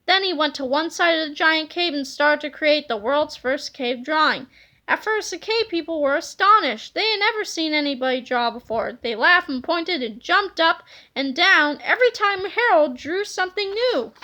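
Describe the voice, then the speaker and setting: In a high voice at a moderate pace, a woman narrates a children's picture book, giving it a lively read-aloud delivery.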